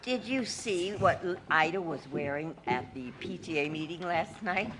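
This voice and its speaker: A woman voicing an envious, wistful small-town housewife with an expressive, gossipy delivery. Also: fairly low pitch, moderate pace, lightly acted. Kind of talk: comic radio melodrama acting.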